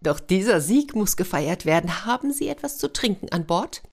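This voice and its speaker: A woman voicing a genteel, fussy orchid lady in a children's story, lifting her voice higher. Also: very animated, normal speed, vocal fry, slightly rough, heavily acted. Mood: delighted. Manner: genteel and prim.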